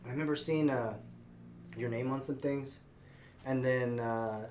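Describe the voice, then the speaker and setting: Over a noisy background, a man with a cold hosts a live sale, his stuffed-up chat friendly and rambling with many fillers and restarts. He speaks at a medium pitch with a steady tone and a measured pace.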